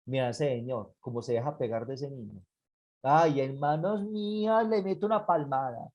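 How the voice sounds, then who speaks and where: A speaker acting out a nosy, indignant male neighbor in a told joke, firing off quick, exasperated questions. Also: medium pitch, darkish tone, highs cut off, natural voice.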